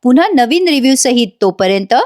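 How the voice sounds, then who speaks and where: Woman, fairly high-pitched, chatty voice-over recap, addresses the audience. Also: animated, fast talker, a little mellow. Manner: chatty, addresses viewers directly. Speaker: TV serial reviewer.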